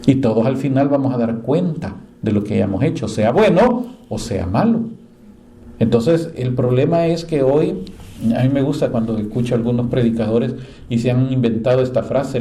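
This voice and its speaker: A man preaching a sermon to a small group, telling Bible stories and voicing the quoted speakers with lively emphasis. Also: normal speed, a little hiss or hum. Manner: animated storyteller, acts out quoted speakers in a higher voice. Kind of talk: sermon, Bible class storytelling. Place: church meeting room with a live group.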